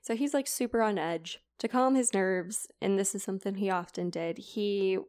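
A woman's voice: medium pitch, normal speed, darkish tone. A woman podcast co-host casually retelling a classic story in a chatty, filler-heavy way.

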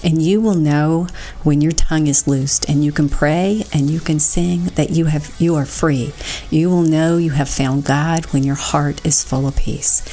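A woman's voice: low voice, steady tone, measured pace, dark tone, soft background music. A woman co-hosting a recovery devotional, earnestly explaining scripture and leading prayer in a fervent, heartfelt way. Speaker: co-host of a recovery devotional show.

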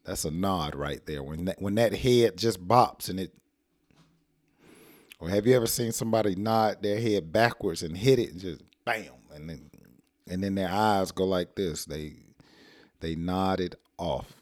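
A middle-aged American man with a hoarse, rough voice gives a casual, playful English lesson, acting out the example sentences. His voice sits low and moves a little slowly, captured in a dry, studio-quality recording.

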